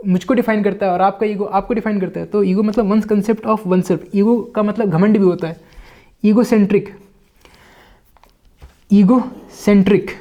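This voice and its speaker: A man with an Indian English accent teaching vocabulary, reading English lines slowly and then explaining in Hindi with many fillers. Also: high voice, steady tone, dark tone, muffled recording. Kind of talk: Hindi-English lesson explaining a book line by line.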